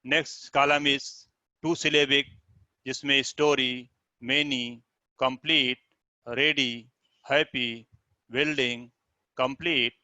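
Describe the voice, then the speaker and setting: A man's voice: mid-range voice, bright, forceful tone, clean tone, dry recording. A male teacher giving a video lesson to children, who says each word several times and spells it out letter by letter. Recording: dull lo-fi sound.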